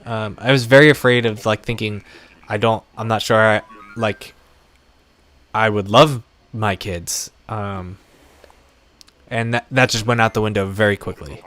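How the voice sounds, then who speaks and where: A young adult man chatting casually and rambling on a live stream, talking warmly to his viewers. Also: fairly low pitch, steady tone, measured pace.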